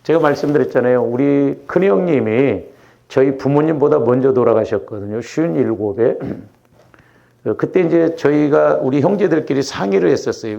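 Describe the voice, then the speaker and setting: Recorded in lo-fi sound, this man's voice is a little high, creaky and darkish. He is a middle-aged Jeolla-region pastor giving a conversational sermon at a Wednesday prayer service in the church sanctuary, often checking with the congregation with "응?" ("right?").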